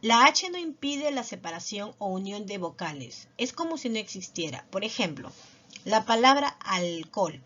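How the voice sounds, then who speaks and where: A woman teacher giving a recorded lesson, explaining slowly and patiently and checking in with little tag questions. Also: fairly high pitch, very animated, fairly bright tone. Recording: dull lo-fi voice recording.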